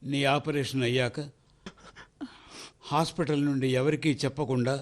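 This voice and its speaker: A man's voice: medium pitch, little pitch movement, normal speed, natural voice. A man playing a weary old father who tells of his wife's death with heavy sorrow. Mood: sorrowful. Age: older.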